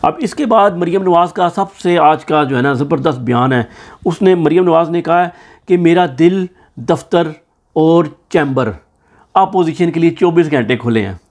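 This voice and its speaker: A man's voice: on the high side, expressive, normal speed, darkish tone. A man with a Pakistani Urdu accent giving sarcastic political news commentary, hosting his own channel. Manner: sarcastic, mocking.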